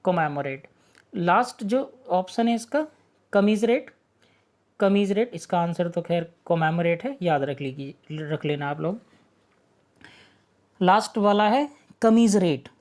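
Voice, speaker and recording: A man's voice: high voice, expressive, slow pace, long pauses, a little mellow. A man teaching an online exam-prep vocabulary lesson, patiently explaining words, asking rhetorical questions and constantly checking in with his students.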